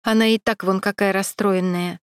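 A woman voicing a male camera operator who talks steadily and tries to calm a crying colleague. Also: medium pitch, normal speed, clean tone, no echo, clean studio sound, lightly acted. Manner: steady and soothing.

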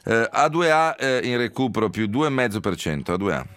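A male radio host running a live economics show, reeling off stock market figures briskly with frequent fillers, in a studio. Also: mid-range voice, big pitch swings, a bit bright, clean tone. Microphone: studio mic.

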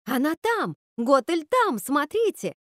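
A woman voicing an excitable young witch sister who squeals and mocks gleefully. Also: a little high, normal speed, dry recording, clean studio sound. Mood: squealing.

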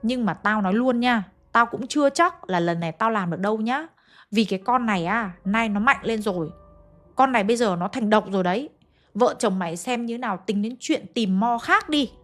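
A woman's voice: fairly high pitch, lively intonation, a little fast, fairly bright tone, faint music behind. A woman voicing a stern old male village shaman who scolds bluntly. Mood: grim.

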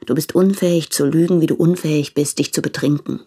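A married woman in a radio play, torn between her husband and her lover. Her voice sits low and sounds husky. She speaks earnestly and pleads. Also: steady tone, a little fast, dark tone.

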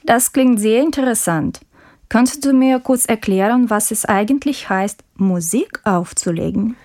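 A woman playing a friendly language-course student who interviews a classmate in a scripted textbook dialogue, speaking politely with clear, careful diction. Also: a little high, measured pace, darkish tone. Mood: friendly, curious.

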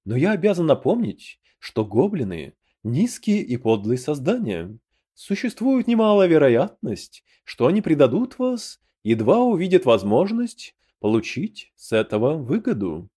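A haughty high elf knight speaks with cool, polite menace, voiced by a man reading an audiobook. The tone is dark and mellow, and the lines come slow and deliberate. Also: big pitch swings, slightly rough, heavily acted. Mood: coldly polite.

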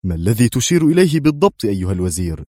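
A man's voice: mid-range voice, big pitch swings, a little fast, mellow, no room sound, clean studio sound. A man playing a proud, irritable male air force commander who speaks in an indignant, agitated way in an audiobook thriller.

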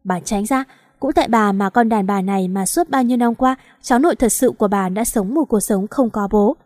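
A woman's voice: mid-range voice, fairly quick, darkish tone, no echo, clean studio sound, lightly acted. A woman voicing a heartbroken young husband who speaks bitterly and accusingly, choked with regret. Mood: furious.

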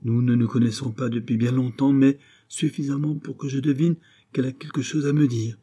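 A man narrating a novel in the first person, in a measured, intimate way. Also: mid-range voice, steady tone, warm tone, breathy edge. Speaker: audiobook narrator.

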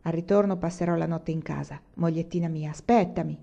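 Proud tired widow talking low and close, read by a woman, dark mellow voice, kinda muffled audio. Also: steady tone, brisk, creaky. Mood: brooding. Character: poor middle-aged widow of a bandit, proud, weary.

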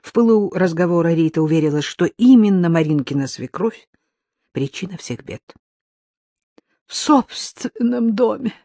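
A woman narrating an audiobook in a calm, even storytelling manner. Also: fairly low pitch, moderate pace, no room sound, studio quality. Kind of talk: scripted narration.

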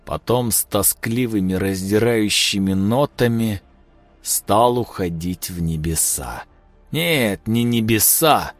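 A man narrating an audiobook in a measured, dramatic storytelling manner. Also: on the low side.

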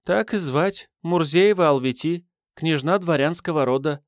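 A man's voice: fairly high pitch, moderate pace, no room sound, clean studio sound, voice pushed up, natural voice. A man voicing a cheeky, scruffy homeless teenage girl who talks brashly in street slang, in an audiobook. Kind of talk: audiobook reading.

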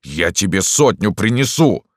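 A man's voice: fairly low pitch, big pitch swings, unhurried, dry recording, studio quality. A man voicing a brusque, commanding servant of an emperor in an audiobook, barking orders. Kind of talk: audiobook character voice.

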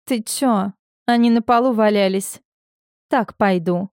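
A woman's voice: medium pitch, unhurried, a little mellow, no room sound, studio quality, natural voice. A woman voicing a capricious, mocking young mistress in an audiobook.

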